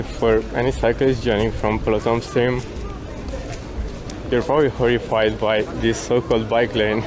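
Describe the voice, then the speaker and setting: A man's voice: lowish voice, rough recording. A man from Romania, an IRL streamer, chatting casually with his viewers as he walks outdoors through a city. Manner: laid-back, thanking chat viewers by name. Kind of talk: casual live-stream chat while walking. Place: outdoors on a city square and promenade. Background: music playing nearby.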